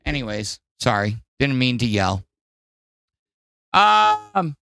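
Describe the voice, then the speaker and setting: A man hosting a podcast in casual, profane commentary, animated and jumping between loud outbursts and mumbles. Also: mid-range voice, slow, creaky, dry recording. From Wisconsin. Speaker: podcast host. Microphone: studio mic in front of green screen.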